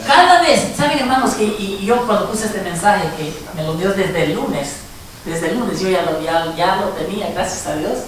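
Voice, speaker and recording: A woman's voice: medium pitch, animated, moderate pace. Emphatic woman preaching in echoey hall. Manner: emphatic, rising to exhortations. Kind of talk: sermon. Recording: echoey hall from far off with congregation. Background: congregation responding.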